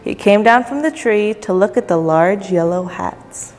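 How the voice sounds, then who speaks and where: A volunteer storybook reader, a woman, reads a children's story aloud at storytime with expression, tossing playful asides to her young listeners. Her voice is medium in pitch, animated, a little slow and a little mellow. Long echoey reverb fills the recording, with faint music behind her.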